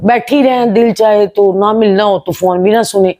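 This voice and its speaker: An older woman reminisces to camera in a lively, storytelling way, slipping into imitations of others. Her voice is mellow and warm, recorded close and dry with no room sound. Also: medium pitch, moderate pace, no room sound. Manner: lively storyteller who mimics other people. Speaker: film actress.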